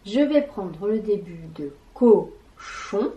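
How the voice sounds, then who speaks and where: Slow, mellow-voiced woman teaching syllables. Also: medium pitch, lively intonation, highs cut off. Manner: spells out syllables and sounds deliberately. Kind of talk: slow, clearly articulated classroom lesson.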